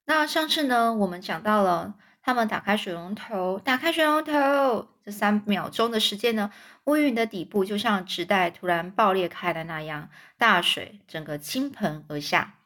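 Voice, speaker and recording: Woman reading a children's story aloud. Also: mid-range voice. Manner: pauses to explain words simply for children; gentle, with fillers and restarts.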